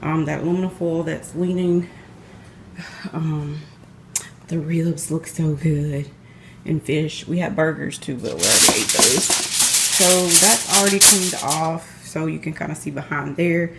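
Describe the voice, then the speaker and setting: Woman, low gravelly voice, chatty, relaxed, home kitchen, phone camera. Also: unhurried, very noisy. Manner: chatty, relaxed, self-correcting. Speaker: vlogger. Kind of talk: casual chat while cleaning.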